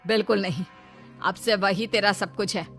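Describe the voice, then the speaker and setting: A woman's voice: mid-range voice, fairly even intonation, moderate pace, a bit bright, faint music behind, lightly acted. A woman voicing a stern middle-aged mother who lectures her daughter firmly in a cartoon story. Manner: firm, lecturing.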